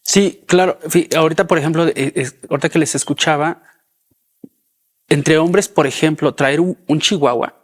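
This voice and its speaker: A man's voice: on the high side, moderate pace. A man, a podcast guest talking in a thoughtful, explanatory way. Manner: thoughtful, explanatory, repeats words when starting. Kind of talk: reflective conversation.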